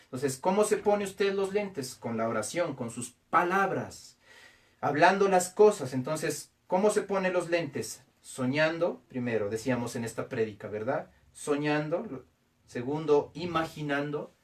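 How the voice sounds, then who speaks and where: A man preaching a sermon as pastor, with emphatic repetition and pauses. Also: a little high, animated, distant mic. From Ecuador.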